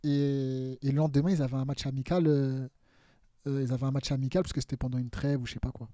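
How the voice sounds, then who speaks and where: A man in his thirties, a footballer guest on a podcast, telling anecdotes in an animated, casual way, mimicking voices and laughing often. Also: mid-range voice, fast, no echo, studio quality.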